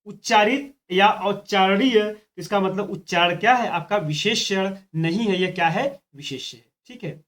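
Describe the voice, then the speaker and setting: A man's voice: high voice, fairly bright tone. A male teacher working through practice test questions step by step, repeating phrases and talking straight to his students. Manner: addresses students directly with "dekho" and "thik hai". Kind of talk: exam practice lesson.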